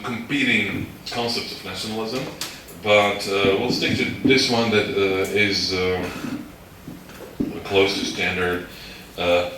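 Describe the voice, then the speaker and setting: A man's voice: fairly low pitch, pushed and bright. A man from Slovakia, giving a university lecture and explaining step by step while checking in with his listeners. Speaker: guest lecturer. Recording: echoey hall, distant mic, background noise.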